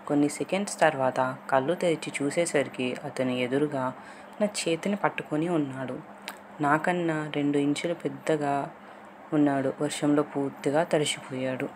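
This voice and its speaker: A woman narrating a first-person love story in a calm, measured storytelling voice. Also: deep voice, noisy background.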